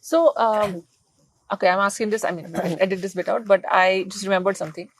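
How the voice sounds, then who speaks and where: A woman's voice: medium pitch, brisk, breathy edge. A woman journalist asking interview questions in a loose, hesitant way with fillers. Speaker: interviewer, correspondent.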